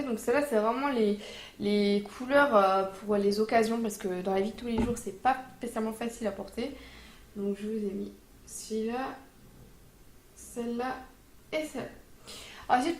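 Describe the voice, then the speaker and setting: A woman's voice: fairly high pitch, reverberant, a little hiss or hum. A woman vlogger reviewing makeup in a casual, chatty way, with lots of fillers and informal slang. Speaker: beauty vlogger.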